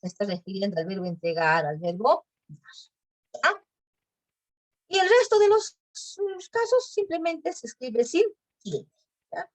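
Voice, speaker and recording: A woman's voice: fairly high pitch, sing-song, measured pace, long pauses. A woman teacher explaining a spelling lesson patiently, often checking in with her students.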